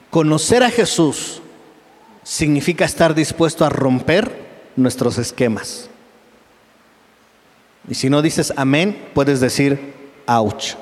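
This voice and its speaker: Lively, joking male pastor preaching. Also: fairly high pitch, slow, pauses often, long reverb tail. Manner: lively and humorous, with frequent call-and-response questions. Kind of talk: sermon.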